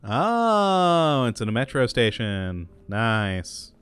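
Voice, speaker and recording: Let's-play man: chatty and animated, with clear tone on a dry mic. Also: medium pitch, drawn-out words, no echo. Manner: chatty, laughs often, hums while choosing. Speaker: gameplay commentator. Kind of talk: casual let's-play commentary.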